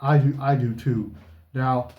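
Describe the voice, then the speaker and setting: A man's voice: medium pitch, fairly even intonation, measured pace, echoey room, highs cut off, a little hiss or hum. A man co-hosting a casual book chat, asking questions in a dry, mock-serious way. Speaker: co-host.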